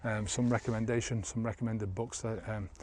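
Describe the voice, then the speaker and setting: A man's voice: fairly low pitch, fairly even intonation, brisk, darkish tone. 50ish guy vlogging on a trail, camera held out, lots of ums and you knows. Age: about 50. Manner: rambling, heavy with fillers. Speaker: sobriety coach. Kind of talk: casual vlog talk while walking. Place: outdoor scrubland trail. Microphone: handheld camera at arm's length.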